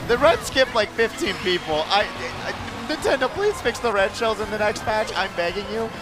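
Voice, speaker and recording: A man giving excited play-by-play esports commentary, with quick, energetic calls and frequent exclamations. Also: sits high, over music.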